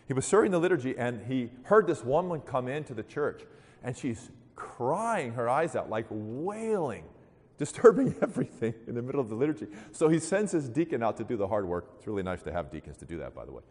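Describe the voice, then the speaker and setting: A man's voice: medium pitch, very animated, brisk, a little mellow, in a large hall. A man giving a sermon in a loose, conversational storytelling manner, acting out the voices of people in his stories.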